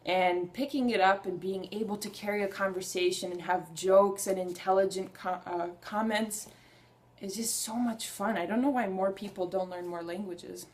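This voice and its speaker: Steady in tone, medium in pitch, and moderate in pace, the voice comes from a young Hungarian vlogger. She addresses the camera casually and keenly, with a bit of rambling and some restarted sentences.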